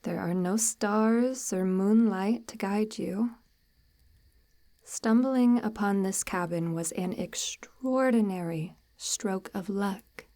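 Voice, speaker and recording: A woman voices a coaxing, soft-spoken forest witch who lures a lost traveler, performed as a slow, intimate ASMR monologue. Her medium-pitched voice is mellow and breathy, nearly a whisper, and her mood is eerily gentle and coaxing. She takes her time, speaking formally with an archaic tinge and a quiet, sinister menace.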